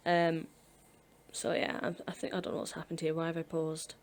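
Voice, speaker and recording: In a low, monotone voice and at a fairly quick clip, a British woman in her twenties rambles casually over a video game build. This Sims speed-build YouTuber is chatty and self-deprecating, with frequent laughter in her gameplay chat.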